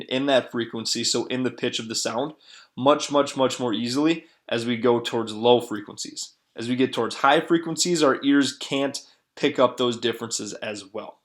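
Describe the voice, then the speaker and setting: A man teaching a classroom lecture in an explanatory way, often repeating words and checking in with a questioning "right?". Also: medium pitch. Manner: repeats words while searching for them.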